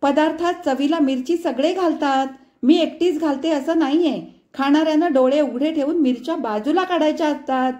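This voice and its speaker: Woman doing an angry middle-aged mother, shrill, scolding, sarcastic, high and loud. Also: measured pace, hardly any pauses. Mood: furious scolding. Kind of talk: storytelling.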